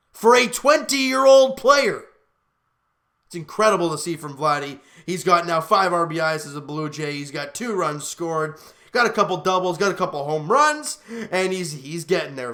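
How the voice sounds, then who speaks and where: A man hosting a sports podcast, recapping a baseball game in a casual, excitable and rambling way, often stopping to correct himself. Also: sits high.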